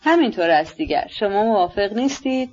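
A woman's voice: medium pitch, animated, a little mellow, close to an everyday voice. A woman voicing a proud, impulsive young woman who speaks with passionate, defiant emphasis, in a dull lo-fi recording. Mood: fervent, defiant.

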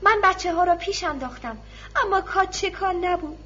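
A woman voicing a young servant girl who shouts excitedly in a storybook reading. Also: very high-pitched, muffled recording, pitched above the performer's own voice. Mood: panicked. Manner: shouting, breathless.

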